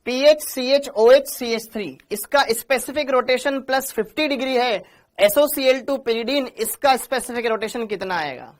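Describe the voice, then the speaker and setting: A man's very high-pitched voice comes at a normal speed as he teaches a live online chemistry class. He keeps things chatty, repeats answers, addresses students as "beta," and praises them by name.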